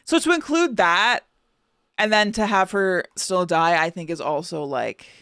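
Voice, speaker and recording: A young adult woman streamer reacting in casual chat, excitable and swearing freely. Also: lowish voice, a little slow, clean tone, dry recording, studio quality.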